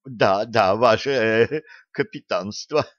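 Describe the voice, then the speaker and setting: A man's voice: on the low side, slow, no room sound. Man doing a flustered timid professor. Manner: flustered, hesitant. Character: fussy timid male professor. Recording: dull lo-fi audio.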